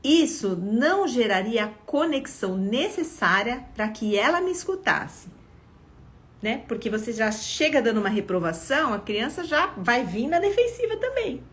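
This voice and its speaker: A woman's voice: a little high, very animated, normal speed. A middle-aged Brazilian woman, a parenting educator, talks to parents on a live stream in a conversational way, often checking in with her listeners. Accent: Brazilian Portuguese. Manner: conversational, frequent "né?" and "tá?" check-ins.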